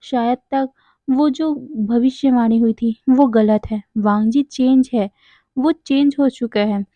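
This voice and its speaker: A woman's voice: a little high, fairly even intonation, slow, warm tone, no room sound, dull audio. A woman voicing an earnest, reassuring young man in a plain reading voice. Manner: plain reading voice, barely changed.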